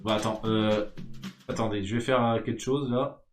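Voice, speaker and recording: A man's voice: lowish voice, fairly even intonation, moderate pace, echoey room. Rambling man with guitar music behind. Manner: rambling, swearing, self-mocking. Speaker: gaming YouTuber. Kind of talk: casual let's-play commentary. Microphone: desk mic without headset.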